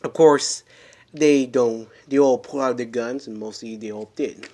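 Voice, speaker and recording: A man's voice: medium pitch, a little mellow. Rambling man improvising a story. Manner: rambling, halting, many restarts and fillers.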